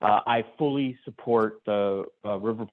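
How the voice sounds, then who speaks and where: A man's voice: fairly low pitch, moderate pace. Man, from southern california, calling in, phone line breaking up, tinny narrow sound, hesitant with many uh's. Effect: phone line breaking up and cutting out. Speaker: public commenter calling in. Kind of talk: public comment at a community meeting.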